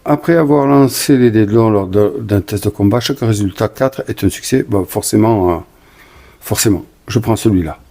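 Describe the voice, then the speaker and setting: A man's voice: fairly low pitch, moderate pace, creaky, mellow. A man narrating his own solo board game playthrough in a chatty, enthusiastic way, talking himself through each move and sometimes stumbling and correcting himself. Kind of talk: casual solo game commentary.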